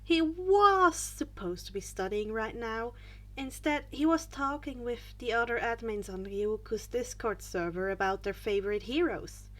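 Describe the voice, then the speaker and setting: A woman with a fairly high, slightly bright voice reads a story aloud as an amateur fan fiction audiobook narrator working from a script. She is expressive and a little slow, occasionally stumbling and picking a phrase back up.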